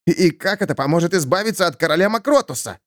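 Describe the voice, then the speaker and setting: A man's voice: high-pitched, animated, fast talker, no echo, studio quality, voice pushed up. A man voicing a timid, stammering man with a trembling voice in an audiobook story. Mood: nervous.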